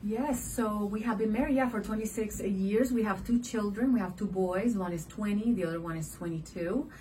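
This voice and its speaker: Woman guest from Puerto Rico, teacher, a bit far from the mic, faint hiss, calm plain talk. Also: mid-range voice, normal speed. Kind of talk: interview guest.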